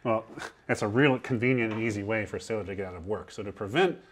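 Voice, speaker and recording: A little hiss or hum underlies the fast, fairly low voice of a man in his thirties guiding a tour below deck on a historic ship. As a museum ship guide with a lapel mic, he's chatty and explanatory, acting out the sailors he quotes.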